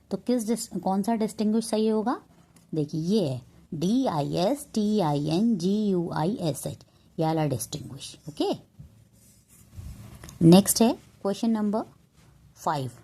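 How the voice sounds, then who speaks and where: Soft-voiced Indian woman teacher spelling words. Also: lowish voice. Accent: Indian English. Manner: mixes Hindi and English. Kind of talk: olympiad vocabulary lesson.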